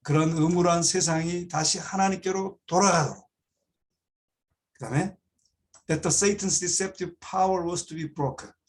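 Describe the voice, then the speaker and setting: A man teaching a Bible study, reading English phrases slowly and explaining them, repeating key words for emphasis. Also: high voice, fairly even intonation. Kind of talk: explaining an English text line by line.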